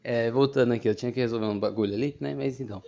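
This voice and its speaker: A young man chats through a casual solo podcast at an ordinary middle pitch. He rambles, loses his thread and keeps circling back with fillers. The home recording sounds somewhat dull and lo-fi. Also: very fast, vocal fry, mellow. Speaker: podcast host.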